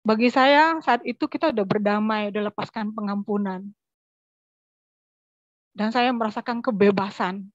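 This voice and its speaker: A woman's voice: a little high, no echo, muffled recording. Woman from West Sumatra giving testimony. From West Sumatra, Indonesia. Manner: earnest, addresses listeners as brothers and sisters. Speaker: testimony speaker. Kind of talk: church testimony.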